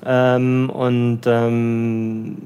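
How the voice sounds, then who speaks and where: A man's voice: mid-range voice, completely flat delivery, extremely slow, dark tone, smooth. A man from Bavaria, a banker in his thirties, answering interview questions hesitantly with many fillers. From Germany, Bavaria. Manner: hesitant, many ums and restarts. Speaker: guest, banker. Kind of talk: casual interview.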